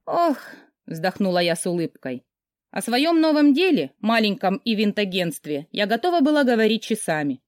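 A woman narrating a novel in the first person, in an expressive, lively storytelling way. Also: mid-range voice, moderate pace, no echo, clean studio sound. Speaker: audiobook narrator.

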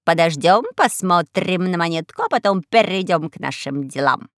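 A sly old crow, put on by a woman reading an audiobook, who drawls her words slowly and wheedles. She is greedy and self-pitying. The recording is dry and close, with no room sound. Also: on the low side, expressive, no echo. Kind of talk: audiobook character voice.

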